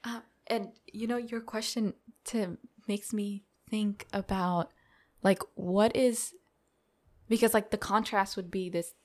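A woman co-hosting a casual book discussion podcast, working through her ideas slowly and reflectively. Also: medium pitch, steady tone. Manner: reflective, builds questions slowly. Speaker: podcast co-host.

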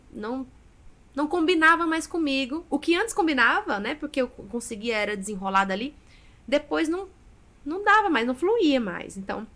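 Expressive woman telling her story. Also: sits high. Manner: expressive storyteller, often adds "né". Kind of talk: casual podcast interview storytelling.

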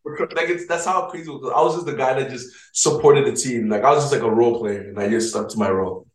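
A man in his twenties from Ghana, a guest telling stories in lively, slangy, energetic casual chat. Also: mid-range voice, fast talker, reverberant, poor audio. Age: 20s.

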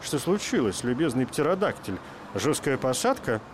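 A man voicing a crafty, fed-up old tsar in a fairy tale, gruff and exasperated. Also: mid-range voice, very animated, moderate pace, noisy background, natural voice.

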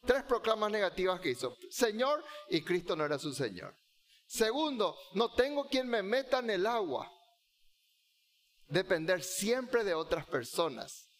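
A man's voice: high voice, very animated, unhurried, a bit bright. A male pastor, preaching a fervent sermon, repeating key phrases and leading the congregation to repeat lines after him.

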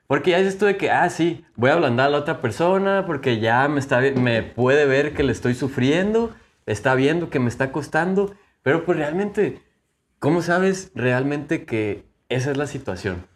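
A young man with a Mexican Spanish accent chatting casually, slangy and swearing, his pitch jumping up and down. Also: animated, moderate pace. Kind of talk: casual chat.

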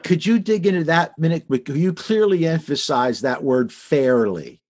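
A man's voice: a little high, animated, moderate pace, a little mellow. A man hosting an interview podcast, affirming his guests and inviting them to say more. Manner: encouraging, affirming, keeps the guests talking. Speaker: podcast host. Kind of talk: conversational interview.

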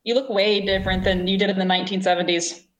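A woman's voice: medium pitch, fairly even intonation, quick pace. A woman co-hosting a casual movie watchalong, making wry, teasing remarks. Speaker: podcast co-host. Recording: faint background noise with clicks.

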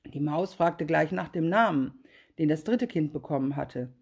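A woman reading a fairy tale aloud in a calm, even storytelling manner. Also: low voice, moderate pace, husky.

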